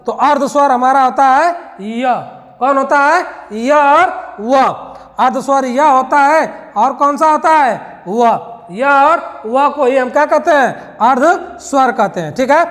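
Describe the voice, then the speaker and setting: High-voiced teacher drilling letters slowly. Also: male voice, fairly bright tone, in a large hall. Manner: slow, drawn-out letter-by-letter drilling with rhetorical questions. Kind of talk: exam-prep lesson.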